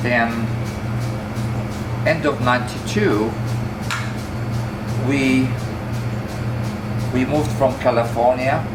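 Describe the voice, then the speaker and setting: Slow, earnest man. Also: medium pitch. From Palestinian, raised in Kuwait. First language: Arabic. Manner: measured and earnest, frequent hesitations. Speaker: peanut shop owner. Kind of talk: documentary interview, life story. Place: inside his shop. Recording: roomy shop, mic at a distance, music behind.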